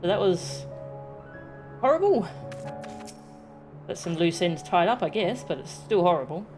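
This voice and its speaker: Over background game music, a woman streamer talks casually with her viewers. Her voice is fairly low, expressive, and darkish in tone, and she speaks a little slowly.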